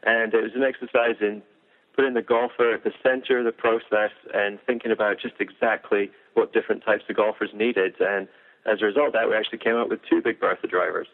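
A man's voice: fairly low pitch, steady tone, fast, creaky. A man, a golf equipment engineer, explaining driver technology in detail with frequent fillers. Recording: tinny phone-like audio.

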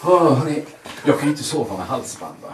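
A man performs stand-up on a bar stage with a fairly high voice that swings up and down. His rants are full of mock outrage. The recording is roomy and taken from some distance, with loud noise behind him. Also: sing-song. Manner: ranting, exaggerated indignation. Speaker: stand-up comedian. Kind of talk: stand-up routine.

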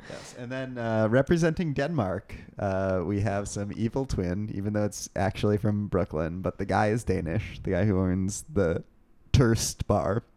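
Low-voiced joking podcast host, man. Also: normal speed, hardly any pauses, mellow. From New York. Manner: joking, talkative, leads the conversation. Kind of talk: casual chat.

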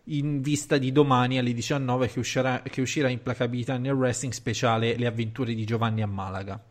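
A male podcast host chatting casually at a middle pitch. He speaks colloquially, like someone among friends, and slips into crude jokes. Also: steady tone, quick pace. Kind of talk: casual chat.

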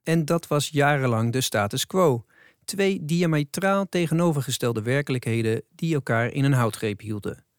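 Male narrator, measured scripted voice-over, dry booth sound. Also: medium pitch, animated, smooth, no room sound.

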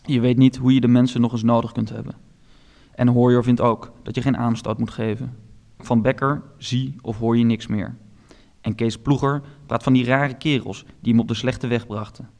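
Gravelly male audiobook reader. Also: mid-range voice, level tone, normal speed, a little mellow. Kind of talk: literary audiobook reading.

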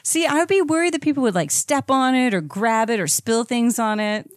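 A woman's voice: on the high side, lively intonation, brisk, dry recording, clean studio sound. A woman co-hosting a conversational comic-book recap show. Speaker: podcast co-host.

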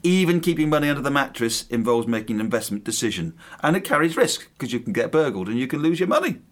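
A man's voice: mid-range voice, big pitch swings, fast talker. Man explaining things on a podcast. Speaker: podcast host giving investing tips. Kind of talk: conversational explanatory podcast talk.

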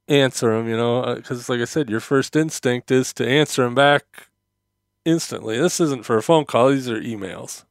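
A man's voice: mid-range voice, no echo, studio quality. Rambling, clean-sounding man podcasting solo, slightly numb-mouthed. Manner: hesitant, meandering, conversational. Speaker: podcast host.

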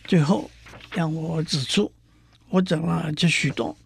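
A man giving an explanatory lecture on poetry, slow and deliberate, spelling out examples syllable by syllable. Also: a little high, steady tone, vocal fry, husky.

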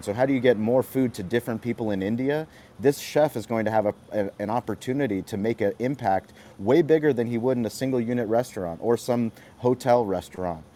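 A man's voice: medium pitch, mellow. A man talking energetically and emphatically on an audio chat panel, stacking repeated phrases to drive his points home. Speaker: restaurant marketing guest speaker. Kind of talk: motivational panel talk.

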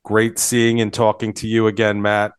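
A man speaking as a financial advisor guest in a conversational interview, explaining things in a measured way. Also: lowish voice, completely flat delivery, smooth, no echo, studio quality.

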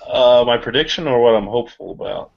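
A young man on a casual podcast, laying out thoughtful, measured opinions. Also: medium pitch, creaky. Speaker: podcast panelist. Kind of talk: casual fan chat. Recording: dull lo-fi audio.

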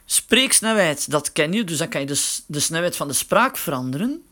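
High, lively man explaining. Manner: explains slowly while working a phone, with filler words. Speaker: instructor. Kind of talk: casual spoken tutorial.

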